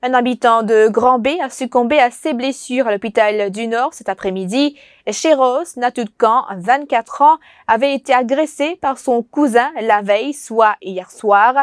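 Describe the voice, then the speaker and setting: A woman's voice: a little high, dry recording, clean studio sound. Woman reading the evening news. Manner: measured formal delivery. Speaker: news anchor.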